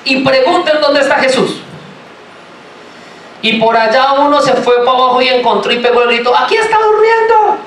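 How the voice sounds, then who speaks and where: A man from Colombia with a Colombian accent, preaching a sermon in a lively, joking way and asking the congregation many rhetorical questions. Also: very high-pitched, normal speed, pauses often. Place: church sanctuary. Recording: roomy, from far off, faint ambience.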